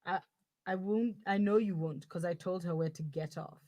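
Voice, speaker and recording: Brief: woman voicing a sarcastic young girlfriend in the wrong body, comic audio drama, lowish voice, dead dry sound. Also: normal speed, darkish tone, no echo, lightly acted. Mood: accusing. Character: blunt young woman stuck in her boyfriend's body.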